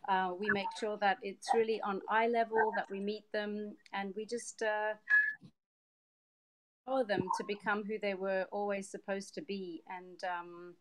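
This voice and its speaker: A woman's voice: mid-range voice, little pitch movement, measured pace. A woman, explaining her social business earnestly and fluently over a live video call. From Switzerland, raised in Papua New Guinea. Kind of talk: interview answers on a live stream.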